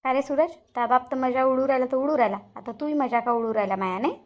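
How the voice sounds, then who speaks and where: A touchy, scolding elderly village woman from a cartoon comedy, voiced by a woman. She talks high and fast. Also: steady tone, lo-fi sound, natural voice. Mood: indignant. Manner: indignant, scolding. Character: touchy elderly village woman Shantabai, proud of her dress. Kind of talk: cartoon voice acting.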